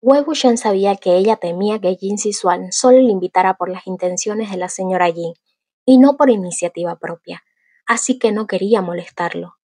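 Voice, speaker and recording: A woman reads a fantasy novel aloud as an audiobook, telling the story at a steady, even pace. Her voice is mid-pitched with a husky, breathy grain. The sound is dry and close, with no room around it. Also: normal speed, dry recording. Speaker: audiobook narrator. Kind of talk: audiobook narration.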